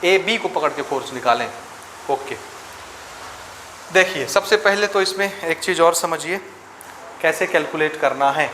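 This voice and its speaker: Male teacher, slightly high voice, classroom lecture, quizzes students, echoey room, faint background noise. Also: a little slow, pauses often, a bit bright. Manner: asks students questions, works sums aloud. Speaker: physics teacher.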